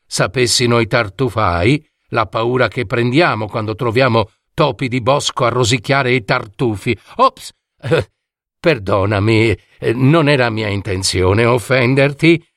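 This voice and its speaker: A man voicing a kind, humble truffle hunter in a fairy tale he reads aloud, speaking gently and generously. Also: medium pitch, a little slow, no room sound, studio quality. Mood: gentle. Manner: gentle, generous, a little startled. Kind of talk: storybook reading.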